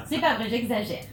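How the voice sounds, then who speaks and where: A woman's voice: on the high side, noisy background. Playful woman speaking in an echoey hall. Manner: playful, theatrical, laughing asides. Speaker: conference speaker. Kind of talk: humorous stage talk. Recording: echoey hall, mic from far off.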